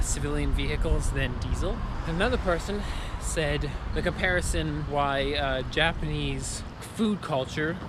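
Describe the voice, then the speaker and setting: Sleepy young man in loud surroundings. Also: fairly high pitch. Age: young adult. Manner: rambling, tired and loopy. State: sleepy, tired. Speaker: student vlogger. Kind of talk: casual vlog chat. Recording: loud traffic and outdoor ambient noise.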